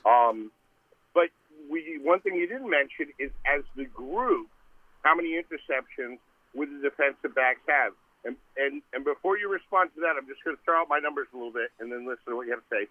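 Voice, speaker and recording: A man's voice: mid-range voice, lively intonation, a little fast, no echo. A man calling in to a radio show over a clipped phone line, rambling and thinking aloud as he talks. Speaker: caller to a sports radio show. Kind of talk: casual call-in chat.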